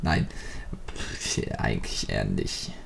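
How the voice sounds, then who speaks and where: A man's voice: extremely low pitch, sing-song, slow, vocal fry, breathy edge. A man hosting a Let's Play, commenting on the game with jokey, rambling free association. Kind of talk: joking gameplay commentary.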